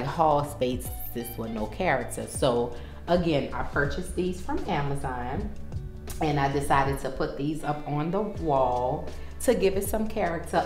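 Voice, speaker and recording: A woman's voice: sits low, a little mellow. A woman, chatting loosely with lots of fillers while walking through her house. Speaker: home vlogger. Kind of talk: casual home tour. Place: large house hallways, indoors. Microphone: handheld camera following her. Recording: echoey hallways, faint music.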